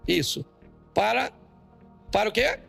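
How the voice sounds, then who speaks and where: Man, Brazilian Portuguese accent, pastor, high gravelly voice, lively joking sermon, faint music behind. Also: unhurried. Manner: animated, joking, asks the congregation questions. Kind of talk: lively church sermon with audience call-and-response. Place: church service.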